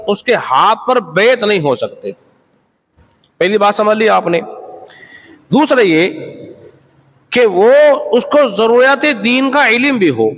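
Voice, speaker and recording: A man with a notably high-pitched voice preaches a religious sermon. He speaks emphatically, repeating key points and putting rhetorical questions to his listeners. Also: a bit bright, low-quality recording. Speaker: Islamic preacher. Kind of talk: sermon lecture.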